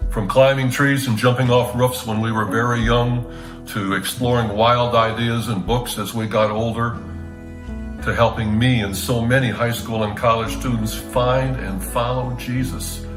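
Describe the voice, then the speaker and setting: A man's voice: medium pitch, steady tone, roomy sound, music in the background. Man giving a sincere recorded tribute. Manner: warm, measured and sincere. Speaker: younger brother giving a video tribute. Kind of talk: prepared heartfelt tribute.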